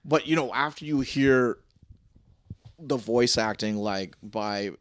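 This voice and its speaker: A man co-hosting a podcast in casual chat, excitable and swearing freely, with lots of fillers and restarts. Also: medium pitch, slow, clean tone, no echo. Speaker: podcast co-host.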